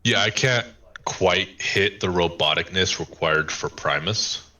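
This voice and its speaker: A man chatting casually between roleplay scenes, his voice run through a deep pitch-shifting voice changer. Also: measured pace, pushed and bright, poor audio. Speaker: tabletop roleplay player. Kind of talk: casual out-of-character chat.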